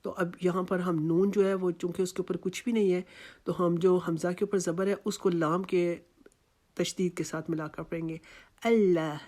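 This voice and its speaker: A woman teacher with a Pakistani Urdu accent gives a tajweed lesson in a fairly low voice. She breaks each word into slow syllables and repeats them with patient care, then explains the pronunciation rules plainly. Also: flat delivery, dark tone. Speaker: Quran recitation teacher.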